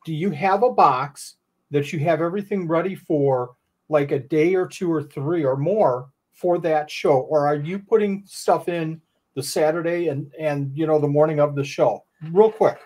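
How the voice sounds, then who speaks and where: Chatty livestream host with a raised voice. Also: male voice, a little high, normal speed, a little mellow. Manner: chatty, reads viewers' comments aloud. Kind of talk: casual livestream chat. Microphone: webcam on a video call.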